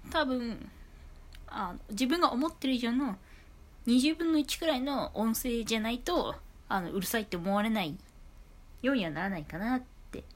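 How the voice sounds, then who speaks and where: A woman talking casually into a phone on a low table at home, her voice high, clear and carrying. She rambles through her thoughts with plenty of fillers and asides. Her pitch moves lively and widely as she talks. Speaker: podcast host. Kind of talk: casual solo podcast talk. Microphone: iPhone on a low table.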